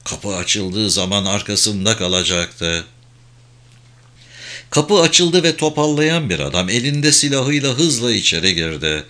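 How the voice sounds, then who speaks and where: A man reading a thriller novel aloud in a measured, dramatic narration. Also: lowish voice, sharp tone. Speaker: audiobook narrator. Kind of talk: scripted audiobook narration.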